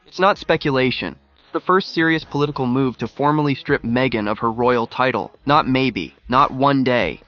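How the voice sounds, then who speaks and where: A man's voice: mid-range voice, highs cut off. A man narrating a scripted news piece in short, dramatic phrases.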